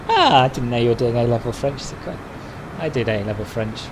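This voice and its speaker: A flight sim streamer with a mid-range voice chats casually on a live stream, working through viewers' messages one at a time. Background noise can be heard.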